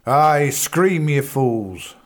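A man reading an audiobook voices a fierce, blunt male Bow Street officer who speaks gruffly and forcefully in an old-fashioned way. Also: mid-range voice, a little slow, natural voice. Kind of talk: audiobook character voice.

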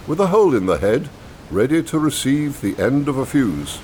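Brief: a man playing a dutiful ship's mate, raised and brisk, lively pitch, faint hiss. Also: natural voice. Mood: reporting. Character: dutiful male chief mate reporting to captain.

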